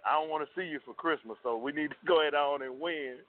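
A man calling in to a radio show on a cell phone, speaking earnestly and in a measured way about his team. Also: a little high. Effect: heard over a cell phone line. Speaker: radio call-in caller. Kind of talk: earnest sports fan commentary. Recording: tinny cell phone line with faint hiss.

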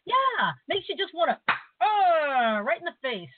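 A woman co-hosting a casual podcast chat, heard over a choppy video call, reacting with drawn-out exclamations. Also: very high-pitched, sing-song, dry recording. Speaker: co-host. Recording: tinny, phone-like call audio.

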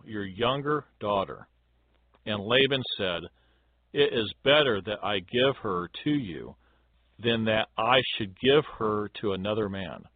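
A man reading a Bible passage aloud slowly and solemnly, letting his voice fall at the ends of phrases. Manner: measured, solemn, dropping pitch at phrase ends. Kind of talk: slow scripted Bible reading. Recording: dry, phone-like narrow sound.

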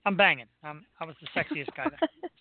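A man's voice: fairly high pitch, very animated, a little fast, narrow, tinny audio. An American man chatting casually as a talk show host, in a rambling, playfully boastful way. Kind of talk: casual chat.

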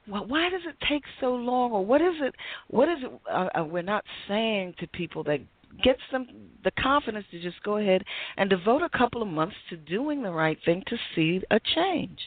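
A woman's voice: mid-range voice, very animated, moderate pace, dry recording. A woman, a psychologist hosting an interview, who rambles and searches for words as she asks a question. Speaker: host, psychologist. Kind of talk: casual interview talk. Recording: tinny phone line.

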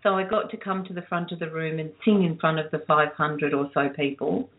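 A woman guest telling a heartfelt story in a soft-spoken, earnest way, dwelling on her words. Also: low-pitched, steady tone, brisk. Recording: tinny phone-line sound.

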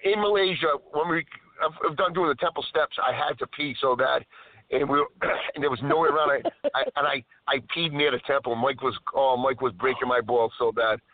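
A man's voice: medium pitch, steady tone, brisk, no room sound. Guy on car speakerphone while driving, chatty rambler, dry tinny phone sound. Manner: rambling storyteller who keeps interrupting himself. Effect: car speakerphone call while driving. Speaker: caller on a live show.

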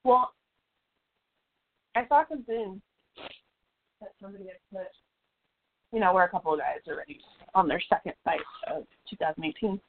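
A woman with a mid-range voice co-hosts a casual fight-sports talk show, laughing often and chatting loosely with fillers and swearing. She speaks at a normal speed but pauses often. The audio is tinny and phone-like, with slight background noise.

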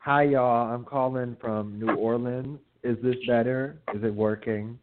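A man's voice: medium pitch, steady tone, unhurried, dry recording. A male caller whose voice comes through a digitized, bitcrushed phone line, politely asking whether he can be heard. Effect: bitcrushed, digitized phone audio. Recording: tinny distorted phone line.

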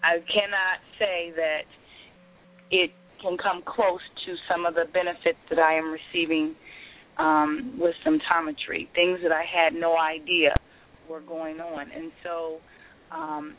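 Radio call-in, woman on a narrow phone line, earnest promotional pitch with frequent "um" pauses. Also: lively intonation. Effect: phone line into a radio show. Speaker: radio show caller.

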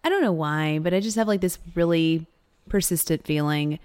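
A woman's voice: sits low, normal speed, a little mellow, smooth, dry recording. A woman co-hosting a podcast who is getting over a cold, chatting in a bubbly, jokey way. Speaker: podcast co-host. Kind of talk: casual chat.

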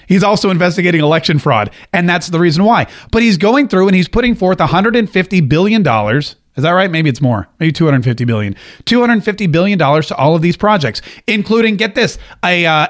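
A man from Florida delivering a sarcastic, joking political commentary monologue. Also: sits high. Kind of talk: casual opinion monologue.

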